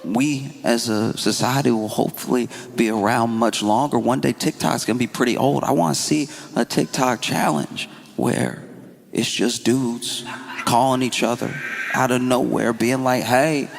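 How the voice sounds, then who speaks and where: A man's voice: mid-range voice, steady tone, normal speed, vocal fry. Man doing loose stand-up. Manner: loose, conversational, riffing. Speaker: stand-up comedian. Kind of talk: stand-up comedy. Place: comedy stage. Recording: reverberant venue with crowd noise.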